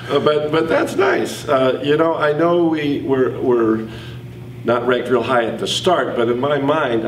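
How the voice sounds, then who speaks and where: A man in his sixties, a basketball coach, answering press conference questions in an easygoing, chuckling way with many filler pauses. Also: medium pitch, slight background noise. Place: indoor press conference room. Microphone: table mic from a distance. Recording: echoey room, distant mic.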